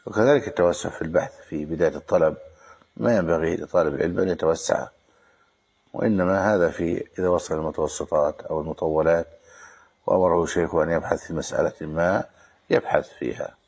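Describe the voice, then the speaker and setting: An older man teaching as a sheikh, correcting a student's reading and giving measured, instructive advice. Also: sits low, steady tone, a little mellow, husky. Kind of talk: commenting and correcting a reader.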